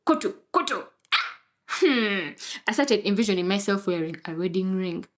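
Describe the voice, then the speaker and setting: A young woman with a Ugandan English accent telling a comic story in a dramatic, animated way, full of exclamations. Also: medium pitch. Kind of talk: comedic storytelling monologue. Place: film studio.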